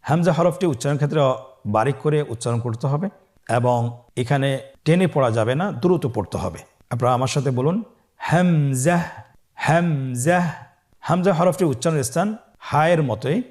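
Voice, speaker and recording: A man teaching Quran letter pronunciation step by step, slowly drawing out each letter for the listener to repeat. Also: a little high, a little mellow. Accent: Bangladeshi Bengali. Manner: slow, drawn-out model pronunciations for the listener to repeat.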